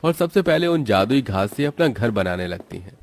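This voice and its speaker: A man narrating a cartoon story in a steady, explanatory storytelling manner. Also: medium pitch, moderate pace, slight background noise.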